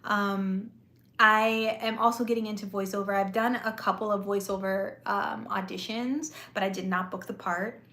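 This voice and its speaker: An easygoing vlogger and would-be actress keeps up a steady chat with her live-stream audience, soothing in tone and full of "like" and "you know." Her pitch is medium and her tone steady and a bit bright, at a moderate pace; the room is echoey.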